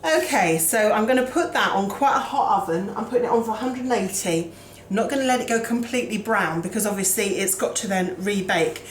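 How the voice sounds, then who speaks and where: A woman's voice: mid-range voice, animated, a little fast, hardly any pauses, echoey room, slight background noise, poor audio. A woman hosting a casual home cooking show, chatty and self-deprecating, talking as she works in her kitchen.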